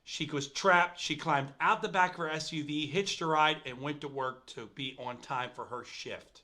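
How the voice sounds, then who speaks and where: A middle-aged man hosting a casual livestream chat, animated and reading viewer comments aloud. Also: a little high, normal speed. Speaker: host.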